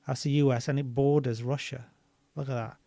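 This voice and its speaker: A man casually reading a book aloud and commenting on it, thinking out loud as he looks things up. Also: medium pitch, fairly even intonation, brisk, creaky, dry recording, clean studio sound. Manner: thinking aloud while searching maps and videos, loose and chatty.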